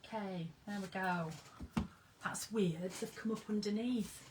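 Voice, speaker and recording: A woman hosting a casual craft live stream from her workroom, chatting in a bubbly, excitable way as she greets viewers and reads their comments. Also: medium pitch, a little slow, background noise.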